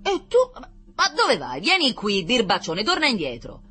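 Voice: medium pitch, huge pitch swings, normal speed, over music, voice pushed up. A reader doing a scolding greengrocer dad. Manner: scolding, shouting. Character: exasperated working-class greengrocer father.

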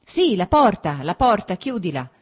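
A woman reading aloud, voicing a fastidious older male intellectual who fusses but is fond of his brother. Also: mid-range voice, big pitch swings, a little mellow, breathy edge, pitched above the performer's own voice. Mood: fussy.

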